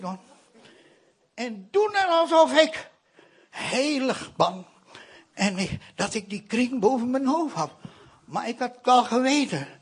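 A man from India tells a personal testimony in a sermon style, talking straight to his listeners. His voice sits unusually high for a man and has a husky, breathy edge. He swings his pitch widely as he acts out the people in his story. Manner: keeps addressing the audience with "I tell you".

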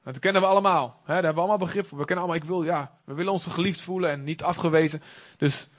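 A man's voice: a little high, racing. A man preaching a sermon in an earnest, conversational way, with emphatic moments.

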